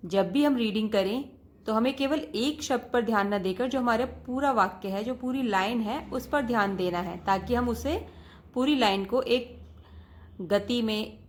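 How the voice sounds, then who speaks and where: A woman's voice: on the high side, a little slow. Patient woman teaching children. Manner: patient, repeats points and addresses students directly. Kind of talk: classroom lesson for children.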